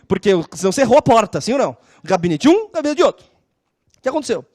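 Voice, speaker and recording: A woman lecturing on law, telling lively stories and constantly checking in with her class. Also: on the high side, very fast, no room sound, studio quality. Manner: animated, acts out scenes.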